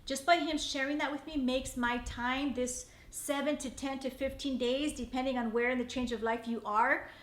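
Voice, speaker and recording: Woman, middle-aged, high voice, echoey room, earnest advice talk. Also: steady tone, moderate pace, few pauses, a bit bright. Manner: earnest, repetitive, addresses ladies directly. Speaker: host. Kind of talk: personal marriage advice talk.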